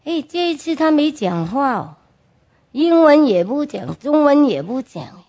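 This church testimony speaker has a warm voice that sits high, with big pitch swings and a slightly slow pace. She addresses the congregation earnestly and emphatically, often asking them direct questions and adding English words.

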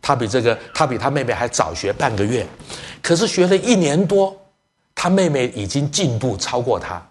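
A man's voice: medium pitch, normal speed, a little hiss or hum. A middle-aged man, a church elder, preaching to parents through family stories, acting out dialogue and dropping English phrases into his speech. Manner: lively storyteller, acts out family dialogue. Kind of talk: sermon storytelling to parents.

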